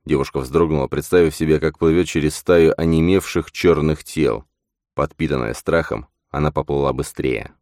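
A man reading a fantasy audiobook as narrator in steady scripted narration. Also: extremely low pitch, moderate pace, no echo, clean studio sound.

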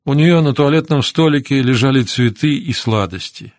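A man narrating a novel as an audiobook in a measured, even reading on a close studio mic. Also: mid-range voice, no echo. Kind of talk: scripted narration.

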